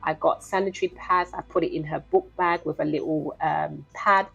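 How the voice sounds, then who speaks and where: A woman's voice: low-pitched, fairly even intonation, moderate pace, gravelly, fairly bright tone, husky, dull audio, faint music behind. A woman, telling a personal story to her vlog viewers in an earnest, direct way and calling them "guys". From Liberia. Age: 50s. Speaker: vlogger.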